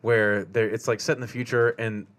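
A man's voice: fairly low pitch, moderate pace. A man joking and cursing freely while chatting about a movie on a podcast. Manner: joking, profane, animated. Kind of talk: casual movie discussion.

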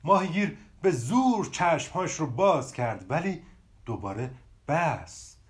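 Male storyteller, children's tale, high and very animated.

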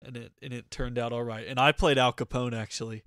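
A man's voice: mid-range voice, dry recording, studio quality. A young man co-hosting a podcast, chatting casually and telling stories from his bed at home. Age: young adult. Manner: relaxed storyteller, quick, with laughs. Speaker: podcast co-host. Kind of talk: casual chat.

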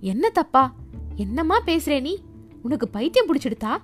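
Stern middle-aged son, read by a woman; snapping, shouting, unbending, in a story reading. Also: high-pitched, lively intonation, normal speed, soft background music. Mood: angry. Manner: shouting, curt. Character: angry middle-aged son, harsh and rigid.

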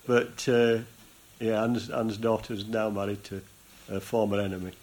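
A man's voice: on the low side, little pitch movement, normal speed, darkish tone. A man hosting an interview, chatting casually and recounting background stories to his guest. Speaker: interviewer and host. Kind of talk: casual chat.

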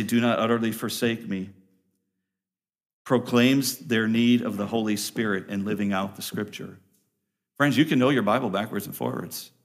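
A man delivers a sermon in an earnest, conversational preaching style. His voice sits in a middle register, rising to loud emphatic peaks before sinking into hushed, low-pitched stretches. He often restarts and repeats phrases as he drives a point home. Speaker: pastor.

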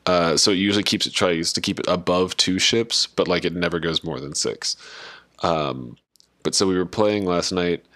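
A man's voice: low voice, moderate pace, a bit bright, no echo. A man co-hosting a podcast in natural unscripted talk, chatting casually in a jokey, self-mocking way. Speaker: podcast co-host.

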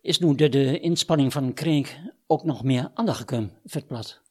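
A man's voice: mid-range voice, moderate pace, a little mellow. A man with a Twente Dutch accent, speaking as the interviewer in a conversational interview.

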